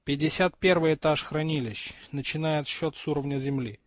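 A man's voice: fairly high pitch, fairly quick, no room sound, lightly acted. Man playing a formal goblin bank clerk. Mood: courteous. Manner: polite, businesslike.

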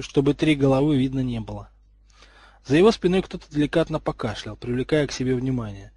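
A man narrating a story aloud in a steady, slightly lively reading voice. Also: on the high side, husky, no room sound.

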